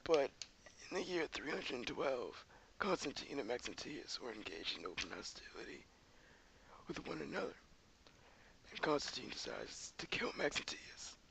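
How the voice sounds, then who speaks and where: A man's voice: mid-range voice, sing-song, normal speed, background noise. A young man putting on the voice of a rambling old man who says he lived through ancient history, presenting a school project. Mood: reminiscing. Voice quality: creaky whispery old-man voice. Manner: wandering, folksy storytelling.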